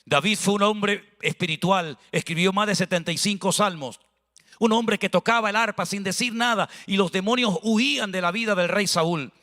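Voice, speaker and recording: Male pastor, high bright voice, animated sermon, long hall echo. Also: moderate pace. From Spain. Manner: animated, preaching with conversational asides and acted dialogue.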